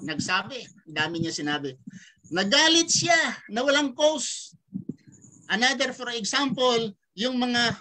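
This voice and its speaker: A man's voice: very high-pitched, pushed and bright, low-quality recording. A man giving an argumentative religious lecture over an online call, pressing rhetorical questions with a repeated "ha?". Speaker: religious debater.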